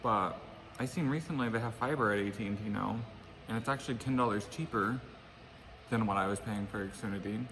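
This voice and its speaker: A man's voice: on the low side, brisk, fairly bright tone. A man rambling casually to his viewers as he eats fried chicken in a mukbang, recorded outdoors. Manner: eating fried chicken while talking. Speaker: vlogger hosting an eating show. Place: outdoors by a pool. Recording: clearly noisy outdoor ambience.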